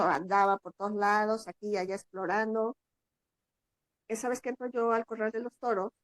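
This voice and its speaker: Animated Mexican woman telling a story. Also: dry recording. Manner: animated, acts out quoted voices in a higher pitch. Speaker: guest. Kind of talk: storytelling in an interview.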